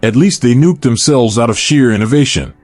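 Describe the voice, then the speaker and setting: A man's voice: medium pitch, lively intonation, a little fast, a little mellow, no echo, soft background music, natural voice. A man voicing a dryly amused, insect-like alien cadet who whispers his remarks. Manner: whispering, dry.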